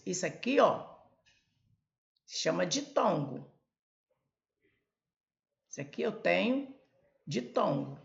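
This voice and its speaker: A woman's voice: fairly low pitch, very animated, takes it slowly, gravelly, long pauses, highs cut off. A woman teaching a Portuguese grammar lesson at a board, explaining step by step and pointing things out as she goes. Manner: explains step by step, many "olha" and "ó" prompts.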